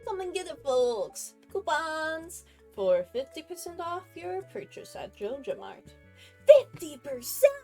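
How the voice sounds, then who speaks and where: A woman reading the lines of a smug male corporate store manager with a boastful sales pitch. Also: big pitch swings, a little slow, warm tone, faint music behind, exaggerated voice.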